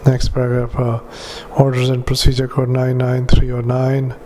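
Man dictating notes into a dictaphone, monotone. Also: mid-range voice, slight background noise. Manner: halting, with many filler sounds and restarts. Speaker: clinician dictating a patient report. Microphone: handheld dictaphone.

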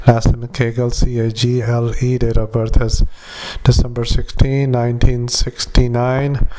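Man dictating into a dictaphone, flat. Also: mid-range voice, measured pace. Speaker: doctor. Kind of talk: medical dictation.

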